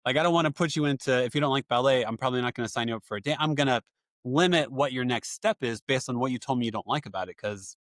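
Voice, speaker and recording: A man's voice: mid-range voice, fast, fairly bright tone, no room sound, studio quality. A man from the American Midwest hosting a casual podcast, talking earnestly and chatting as a father. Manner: earnest, chatty, agreeing often.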